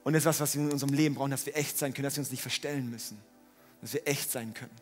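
A man preaching a sermon, animated, swinging between loud emphatic lines and quiet ones. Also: medium pitch, racing, faint music behind. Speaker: pastor.

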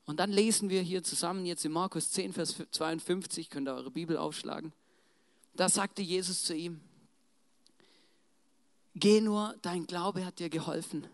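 A preacher telling a Bible story in a casual, slangy, animated way, often checking in with the congregation. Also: mid-range voice. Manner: slangy, animated, keeps asking "right?". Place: church in front of a congregation. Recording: long church reverb.

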